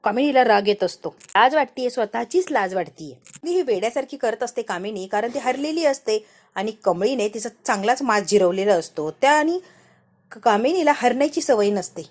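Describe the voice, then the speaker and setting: A woman narrating a dramatic recap of a television serial in an expressive, emphatic storytelling manner. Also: on the high side.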